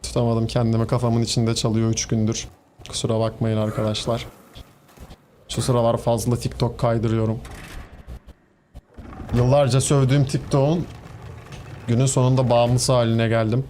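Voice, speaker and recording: A man's voice: medium pitch, little pitch movement, moderate pace, pauses often, mellow, a little hiss or hum. A man with a Turkish accent giving casual, chatty commentary while streaming a game, talking back to enemies and to his viewers. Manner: chatty, talks to the game's enemies and to viewers, laughs easily.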